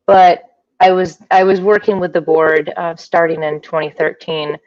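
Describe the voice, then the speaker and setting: A woman's voice: fairly low pitch, steady tone, moderate pace, dry recording. A woman attorney speaking as a guest on a video call, hesitant and thinking aloud. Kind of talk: casual video-call interview. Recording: dull distant video-call audio.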